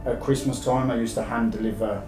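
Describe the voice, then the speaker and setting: A man's voice: medium pitch, steady tone, a little fast, dark tone. English man chatting, roomy and distant. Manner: informal, matey, rambling. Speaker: podcast guest, live-streamer. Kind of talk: casual interview chat, telling anecdotes. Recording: roomy, distant sound with music behind.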